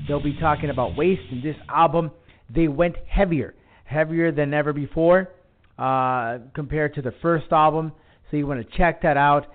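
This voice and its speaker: A male podcast host speaks in an emphatic announcer style, with a fairly high voice. He sounds tinny, as if recorded down a telephone line. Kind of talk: upbeat wrestling and music show hosting. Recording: tinny phone-line internet radio audio.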